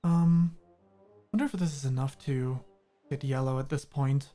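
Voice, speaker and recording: Soft music plays behind this young native German speaker as he chats while streaming a game, his English slightly British-American. His mellow, medium-pitched voice stays fairly even at a moderate pace, and he rambles, hesitates and laughs a lot.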